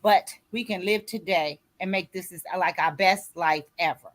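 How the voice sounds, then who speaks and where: A woman's voice: on the low side, moderate pace, fairly bright tone. Woman in her 60s giving a pep talk to writers, preachy, keeps checking ppl are following. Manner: preachy, repeats "you see what I'm saying". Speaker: contributing author and grief coach. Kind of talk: motivational talk.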